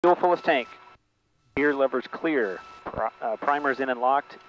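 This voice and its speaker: A man flying a small plane who calmly talks through his checklists and radio calls over a cockpit headset. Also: mid-range voice, unhurried. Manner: calm, methodical checklist talk. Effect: pilot talking over a cockpit headset intercom. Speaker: private pilot. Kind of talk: narrating a flight and radioing air traffic control. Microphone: headset mic. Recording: muffled headset audio with faint engine hum.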